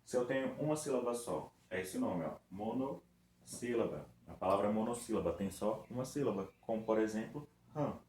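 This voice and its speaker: Patient male teacher, low, echoey room. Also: animated, darkish tone. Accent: Brazilian Portuguese. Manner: patient, drawn-out syllable-by-syllable demonstration. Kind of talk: recorded review lesson for children. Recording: echoey room with faint background noise.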